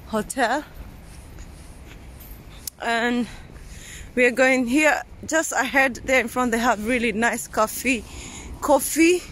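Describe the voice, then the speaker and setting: A woman's voice: a little high, fairly bright tone, a little hiss or hum. Chatty young woman vlogging on a phone. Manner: chatty, halting with restarts and fillers. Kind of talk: casual travel vlog. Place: inside a car, then a hotel room. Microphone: handheld phone camera.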